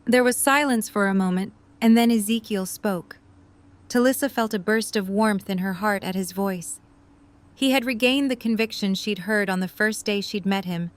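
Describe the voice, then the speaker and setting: A woman narrates an audio drama, reading scripted story narration in a medium-pitched voice at a moderate pace.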